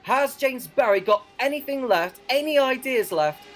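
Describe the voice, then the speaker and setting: A man's voice: very high-pitched, expressive, moderate pace, faint music behind. A man doing live race commentary as a motorsport commentator working alongside a partner.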